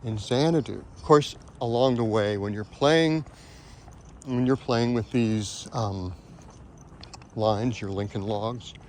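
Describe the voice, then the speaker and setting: A man's voice: medium pitch, slow pace, pauses often, a little hiss or hum. A man hosting a podcast, talking casually and wryly about poetry while walking outdoors, a little out of breath. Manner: wry, chuckling, conversational. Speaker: podcast host.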